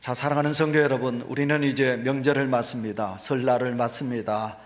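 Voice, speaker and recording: A man's voice: medium pitch, fairly even intonation, brisk. A male pastor, preaching a sermon in a church and telling a story, repeating phrases for emphasis. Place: church sanctuary.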